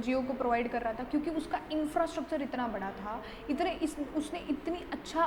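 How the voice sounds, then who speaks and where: A woman tutor with an Indian accent giving an exam-prep lecture, dictating notes slowly, repeating points and answering her own questions. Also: high voice, in a large hall, slight background noise. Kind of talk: online lecture mixing Hindi and English.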